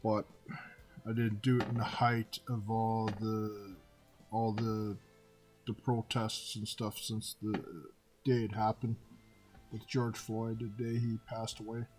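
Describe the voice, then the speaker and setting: A man's voice: lowish voice, slow, faint music behind. A man in his fifties from Canada, telling personal stories in a casual monologue and acting out both sides of the dialogue. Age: 50s. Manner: animated retelling, acting out dialogue with repeated "and I said".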